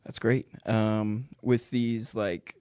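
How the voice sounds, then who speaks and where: A man's voice: lowish voice, level tone, very slow, dark tone, clear, resonant tone, dry recording, studio quality. A man hosting a podcast in casual chat, reading the guest's introduction and laughing easily. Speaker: podcast host. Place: studio.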